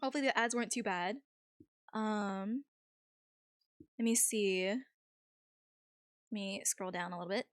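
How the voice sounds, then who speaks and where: A woman's voice: medium pitch, unhurried, pauses often, dry recording, studio quality. A woman livestream host talking casually and informally with her viewers.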